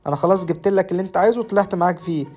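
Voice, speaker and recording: Casting: a woman as an exasperated Egyptian man in a comedy sketch, rapid-fire, low dark voice. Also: faint music behind, lightly acted. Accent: Egyptian Arabic. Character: fed-up adult man minding a boy.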